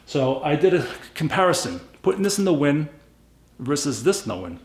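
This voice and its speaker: A man's voice: on the high side, sing-song, brisk, roomy sound. A man from New England with a Boston accent gives a casual, unscripted product review, plainspoken and emphatic, repeating himself for stress. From New England, USA. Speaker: YouTube gadget reviewer.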